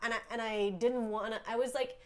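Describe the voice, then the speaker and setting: A woman's voice: on the high side, fairly even intonation, fairly quick. A woman, a comedian and writer, talking as a podcast guest in a chatty way, with frequent filler words. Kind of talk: casual podcast conversation.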